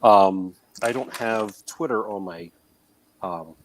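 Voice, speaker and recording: A man's voice: fairly low pitch, slow pace, slight background noise. A man calling in on his cell phone for a casual chat, his voice carrying a slight echo. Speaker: call-in guest.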